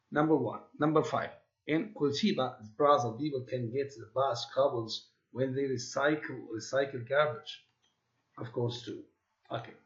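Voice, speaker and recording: A man's voice: medium pitch, a bit bright. A man teaching an English class, reading the text aloud and modeling question intonation for his students. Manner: switches between English and quick Arabic explanations, models intonation. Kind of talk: classroom lesson. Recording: roomy, dull lo-fi classroom audio.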